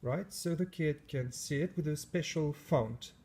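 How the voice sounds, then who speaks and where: A man's voice: fairly high pitch, measured pace, dark tone, breathy edge. A French man, a science teacher, chatting casually to camera in his school lab, often searching for English words and correcting himself. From France. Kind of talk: casual vlog talk to camera.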